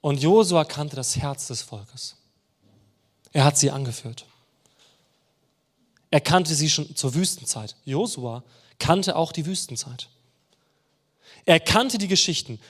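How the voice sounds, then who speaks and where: High, lively-voiced male preacher. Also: measured pace, long pauses. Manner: conversational, asks the listeners rhetorical questions. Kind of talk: sermon.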